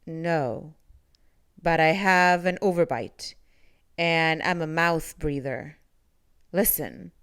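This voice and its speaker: A woman voicing a mild, bookish male monster in a storybook, with a low, breathy voice and a polite, formal manner. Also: slow, pauses often, fairly bright tone, heavily acted. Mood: earnest, sheepish.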